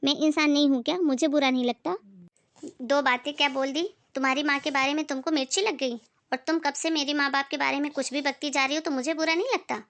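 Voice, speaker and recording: A woman's voice: sits high, steady tone, quick pace, fairly bright tone, no echo. A woman playing a polite young daughter-in-law. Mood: indignant. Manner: polite, firm.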